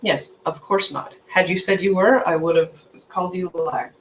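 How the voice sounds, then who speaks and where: A woman's voice: lowish voice, moderate pace, a little hiss or hum. A woman health coach from Canada giving an informal talk, emphatic and chatty, checking in with "okay?" after her points.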